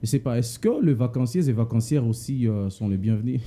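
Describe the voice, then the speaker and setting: Very mellow Congolese male interviewer, halting delivery. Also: medium pitch, animated. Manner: halting, repeats words. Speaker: interviewer, host. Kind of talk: interview questioning.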